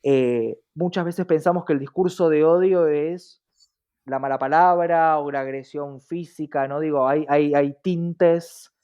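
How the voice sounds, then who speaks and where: A man with an Argentine Spanish accent, guesting on an interview as a diversity advocate, explains articulately and emphatically while often checking in rhetorically. His voice is a little high, a little mellow and clean-toned, with fairly even intonation at a measured pace, though the lo-fi recording sounds dull and muffled.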